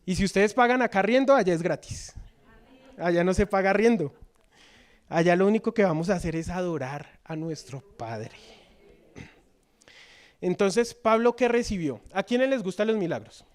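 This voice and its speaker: Man, high-pitched voice, sermon, asks the crowd questions, church. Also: lively intonation, normal speed, pauses often. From Colombia. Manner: asks the congregation questions, reads scripture, shifts between loud and soft. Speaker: preacher.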